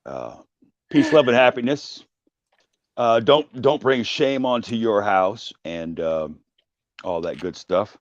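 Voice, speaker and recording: A man's voice: fairly low pitch, lively intonation, slow pace, dry recording, lo-fi sound. A man in a casual chat, tossing in dry wisecracking asides.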